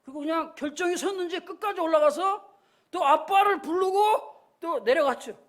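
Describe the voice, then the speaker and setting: Korean guy pastor, really high voice, preaching and acting out little quotes in the story. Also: normal speed, fairly bright tone. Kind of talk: sermon.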